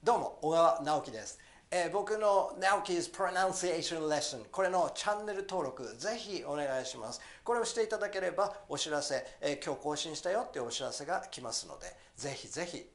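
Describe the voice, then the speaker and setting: Lively pronunciation teacher. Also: male voice, on the high side, roomy sound. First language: Japanese. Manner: animated, demonstrates sounds slowly and repeats them. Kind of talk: short pronunciation lesson.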